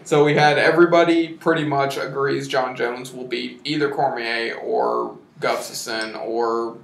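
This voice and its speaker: A man in casual sports banter, animated and joking, swearing freely. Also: medium pitch, unhurried, creaky, echoey room, poor audio.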